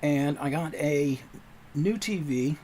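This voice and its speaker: A man's voice: fairly high pitch, slow pace, warm tone, a little hiss or hum. Rambling man chatting on a home stream. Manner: rambling, chatty, self-deprecating. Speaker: livestream host. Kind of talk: casual livestream chat. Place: home computer desk room. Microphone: desk microphone.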